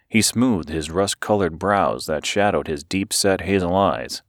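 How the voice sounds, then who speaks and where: A man narrating an audiobook in a steady, measured way and voicing the characters as he goes. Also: sits low, no room sound, studio quality.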